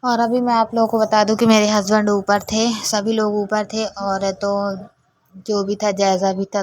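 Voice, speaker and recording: A woman's voice: medium pitch, no echo. A woman, chatting casually to her viewers in a home vlog. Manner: chatty, talks straight to viewers. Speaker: vlogger.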